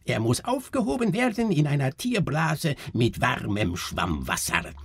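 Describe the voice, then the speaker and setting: A man voicing a brash female fairground barker who shrieks her announcements slowly in a strange dialect. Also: medium pitch, big pitch swings, vocal fry, breathy edge, dry recording, studio quality, voice pushed up, exaggerated voice. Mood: shrill announcing. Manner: shrieking, drawn-out, foreign dialect.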